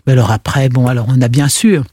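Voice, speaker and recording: Homme conteur animé, voix sèche de studio. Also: male voice, medium pitch, fast, slightly rough, no room sound. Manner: animated storyteller, playful asides. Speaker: history chronicler on a radio show. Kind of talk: lively radio chat with anecdotes.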